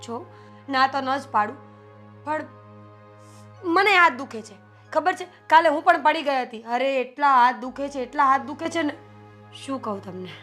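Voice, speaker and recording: A young woman playing a defiant, sharp-tongued wife who refuses and mocks. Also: sits high, moderate pace, pauses often, soft background music. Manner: sarcastic, refusing, tart.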